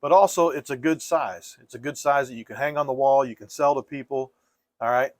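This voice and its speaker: Speaking at medium pitch and a little fast, this relaxed painting teacher walks through each step in a gentle, reassuring manner. The recording has no room sound.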